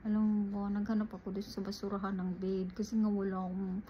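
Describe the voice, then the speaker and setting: A woman's voice: medium pitch, fast. Woman, from the Philippines, casual vlog storytelling, talks to viewers, lo-fi dull audio, faint background noise. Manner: animated, addresses viewers as guys. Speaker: vlogger.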